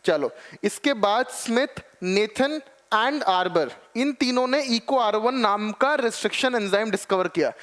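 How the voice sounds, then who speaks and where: High-voiced male biology teacher. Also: expressive, a little slow, fairly bright tone. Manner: explains step by step, checks often with "clear?"; calls students "children" and "beta ji". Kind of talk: exam-prep lecture.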